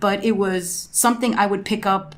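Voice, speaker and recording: A woman comedian chatting as a podcast guest, telling stories in a lively, playful way with quick asides. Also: medium pitch. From United States. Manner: animated storyteller, playful asides. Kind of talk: casual interview chat.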